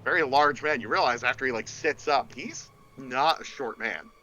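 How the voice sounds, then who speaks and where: Guy running a tabletop game, bright voice, lots of uh and you know. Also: mid-range voice, moderate pace, dull audio, a little hiss or hum. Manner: relaxed, uses many fillers. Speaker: game master.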